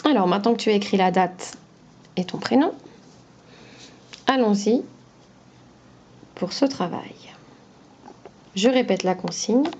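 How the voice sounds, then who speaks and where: A woman teacher talking slowly and patiently to young children, spelling out each word syllable by syllable. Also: medium pitch, lively intonation, a little mellow, highs cut off, slight background noise.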